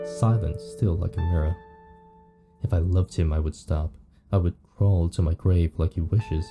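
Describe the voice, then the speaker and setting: A man reading the lines of a weary, morbid undead painter from a visual novel, slowly and somberly. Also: low voice, gravelly. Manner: slow, somber reading of game text.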